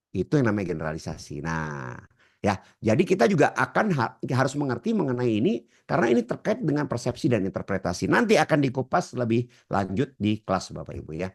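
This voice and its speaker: A man's voice: medium pitch, gravelly. A man teaching a hypnotherapy class, often addressing his listeners directly and asking rhetorical questions he then answers himself. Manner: addresses the audience often as ladies and gentlemen. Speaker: hypnotherapy trainer. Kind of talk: lecture to a class.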